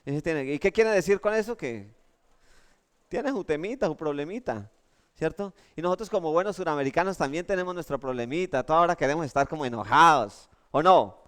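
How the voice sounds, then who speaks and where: A Colombian man preaching a lively sermon with humorous stories, often checking in with the congregation. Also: a little high, a little fast, smooth. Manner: animated, keeps asking the congregation "¿cierto?". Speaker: pastor. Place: church.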